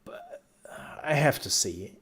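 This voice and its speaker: A man's voice: medium pitch, animated, slow pace, a bit bright, husky. A man streaming live and chatting casually as he reacts, rambling and thinking aloud with repeated phrases, his voice worn out from a long day of talking.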